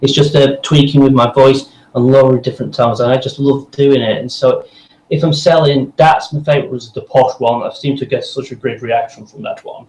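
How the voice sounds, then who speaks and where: Man, podcast guest, casual rambling chat, enthusiastic, mid pitch, echoey room. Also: fairly even intonation, brisk, a little mellow. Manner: rambling, enthusiastic, frequent fillers.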